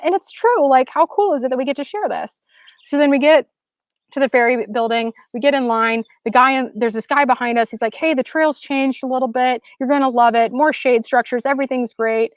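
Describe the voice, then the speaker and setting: A woman in her thirties giving a casual storytelling talk, animated and full of "like", acting out quotes with sudden high bursts. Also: no room sound. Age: 30s. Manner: casual, lots of "like". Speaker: speaker.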